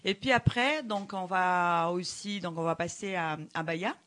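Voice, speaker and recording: Brazilian woman, halting foreign-accented French. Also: lowish voice, fairly bright tone. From Brazil, Belém in the Amazon region. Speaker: guest, dancer and show creator. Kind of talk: interview answers, explaining.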